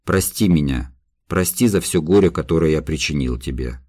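A young condemned man in an audiobook, gentle and loving, torn between disbelief and tenderness, as voiced by a male reader. The voice sits extremely low and deep. It is dry and close, with no room around it. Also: normal speed, no room sound. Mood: tender. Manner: anguished, tender inner voice.

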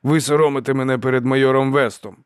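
A man's voice: mid-range voice, fairly even intonation, fast, clear, resonant tone, no room sound, clean studio sound, pitched above the performer's own voice, close to an everyday voice. A man voicing an old, stern lord marshal who drills a pupil with barked commands. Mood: scolding. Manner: barking, commanding.

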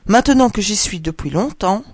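A woman's voice: medium pitch, expressive, normal speed, a little mellow, no echo, clean studio sound, close to an everyday voice. A woman voicing a proud, protective mother duck who fusses over her ducklings, in a storybook reading. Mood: fretful. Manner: fussy, protective, doting. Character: anxious proud mother duck, female, adult.

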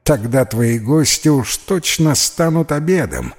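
A man's voice: mid-range voice, sing-song, a little slow, darkish tone, voice pushed up. A man voicing an ironic, philosophical ghost who talks in a mocking, lecturing way.

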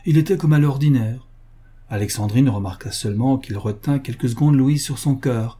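Husky dark-voiced male narrator. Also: fairly low pitch. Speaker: audiobook narrator. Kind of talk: scripted narration.

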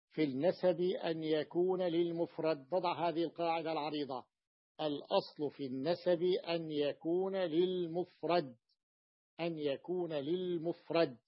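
Gravelly raised-pitch teacher guy repeating word forms over and over, muffled lo-fi sound. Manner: drills word forms with patient repetition. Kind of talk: explaining a grammar lesson. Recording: dull lo-fi recording.

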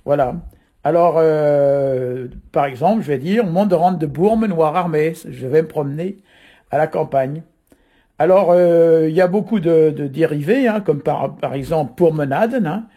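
A man from Brittany explains words on radio, pausing often on fillers as he thinks aloud. His voice is mellow and somewhat husky, pitched a little higher than most men's. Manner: hesitant, filler-heavy, explanatory. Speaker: Breton language guest teacher.

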